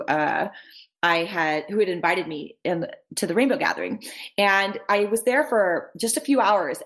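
Low-ish lady telling a long travel story, lots of "like", keeps restarting. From United States. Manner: lively, rambling, lots of "like" and restarts. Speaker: interview guest, travel author. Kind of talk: casual storytelling.

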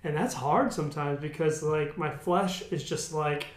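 A man's voice: fairly high pitch, normal speed, roomy sound. A man in his thirties co-hosting a casual faith discussion, candid and self-deprecating, with many restarts. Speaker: podcast co-host.

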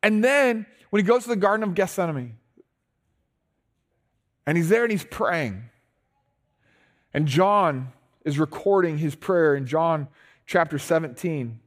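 A man's voice: a little high, animated, unhurried, long pauses. Earnest man preaching a sermon. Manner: earnest, conversational, repeats and restarts words, urges "listen".

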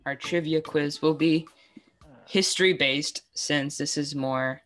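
A woman's voice: low-pitched, steady tone, slow pace, fairly bright tone, soft background music. A young woman hosting a casual trivia quiz over a video call, giggly and stumbling over her words. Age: young adult. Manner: giggly, restarts often. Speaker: host running a trivia quiz. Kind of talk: casual online chat.

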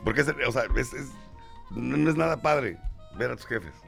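A man's voice: mid-range voice, expressive, normal speed, creaky, fairly bright tone, soft background music. A Mexican man co-hosting a casual comic chat, joking, cursing freely and acting out little voices. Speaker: co-host.

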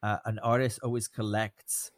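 An American man with a fairly low voice hosts a conversational show in a dry-sounding space. He speaks haltingly, circling around his point and tagging phrases as he goes. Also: little pitch movement, no echo. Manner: halting, circling, frequent "right" and "like" tags. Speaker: host, rabbi. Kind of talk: conversational podcast hosting.

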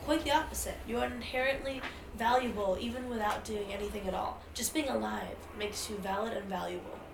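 A woman playing a calm, reassuring therapist. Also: medium pitch, a little fast, creaky, echoey room, recorded from a distance, noisy background, lightly acted.

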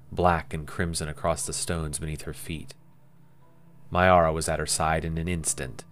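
A man reading a fantasy audiobook in a measured, even storytelling manner. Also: low voice, clean tone. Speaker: narrator. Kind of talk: scripted audiobook narration.

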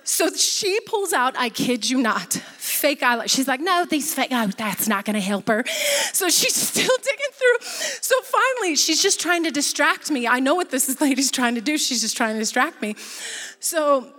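A woman telling a personal story in a lively way, laughing often and acting out what people said. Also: high-pitched, normal speed, long reverb tail.

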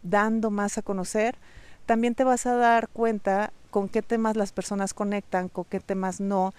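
Here a woman's mid-range, slightly mellow voice comes through cleanly, with no room sound. She's a Mexican podcast host delivering a solo monologue on online business, coaching the listener directly and repeating important points.

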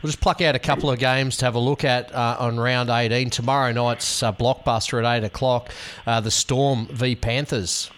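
A man's voice: medium pitch, steady tone, moderate pace, hardly any pauses, a bit bright. An Australian man hosting a casual sports interview on the radio in an informal, matey way. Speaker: fill-in radio host.

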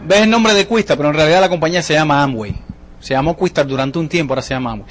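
A man giving a lively motivational sales talk to a live audience, joking and asking the crowd questions. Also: fairly high pitch, rapid-fire, slight background noise. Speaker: business presenter at a sales seminar.

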